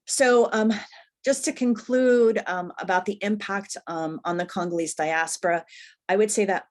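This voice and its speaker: A woman professor giving a measured, careful academic presentation over a video call. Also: mid-range voice, fairly even intonation.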